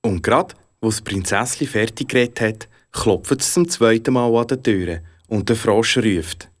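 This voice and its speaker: Swiss german storyteller reading a fairy tale, super lively voice all over the place. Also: mid-range voice, a little slow. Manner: expressive, animated.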